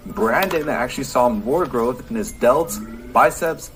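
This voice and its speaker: A man's voice: medium pitch, lively intonation, unhurried, a bit bright. A man presenting fitness experiment results and narrating, announcing the figures plainly. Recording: video played with music underneath.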